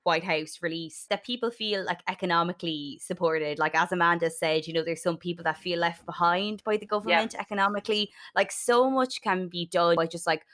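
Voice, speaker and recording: Woman, young adult, west of Ireland accent, slightly low pitch, earnest, hesitant, casual podcast discussion. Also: brisk, few pauses, fairly bright tone. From Sligo, west of Ireland. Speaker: podcast co-host.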